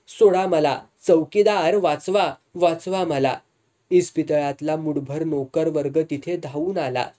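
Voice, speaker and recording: A storyteller reading a dramatic tale in steady audiobook narration. The voice is dark and mellow, at a middle pitch.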